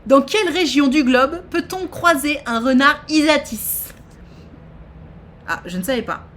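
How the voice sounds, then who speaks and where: A woman, hosting a trivia quiz on a live stream and chatting with her viewers in a lively, exclamatory way. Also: high voice, unhurried. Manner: animated, exclaims and reads questions aloud to chat. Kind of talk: casual live-stream chat.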